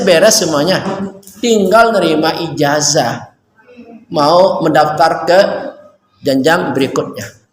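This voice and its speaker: A man giving an animated religious talk to students, going from loud urging to hushed warnings. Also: fairly high pitch. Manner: animated, swings from loud to hushed, calls listeners nak. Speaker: religious teacher at a school orientation. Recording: echoey hall with faint ambience.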